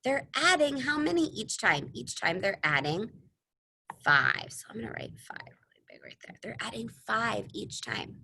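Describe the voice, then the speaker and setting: A woman's voice: on the high side, very animated, moderate pace, vocal fry, pushed and bright, husky. A woman teaching young children a math lesson in an exaggerated, sing-song, encouraging kindergarten-teacher voice, posing questions and answering them herself. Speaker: elementary school teacher.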